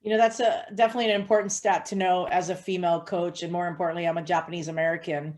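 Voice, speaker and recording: A woman coach from Hawaii speaks in a fairly low voice. She answers interview questions earnestly and steadily, with plenty of ums and uhs. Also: very fast. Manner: earnest, steady, with frequent fillers. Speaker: head softball coach.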